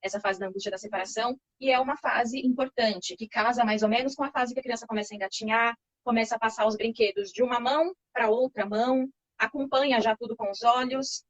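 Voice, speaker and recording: A woman, calmly explaining baby development as an interview guest, reassuring and patient, often checking in with tag questions. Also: on the high side, fast, hardly any pauses, no room sound. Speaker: child development expert guest. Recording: slightly muffled lo-fi recording.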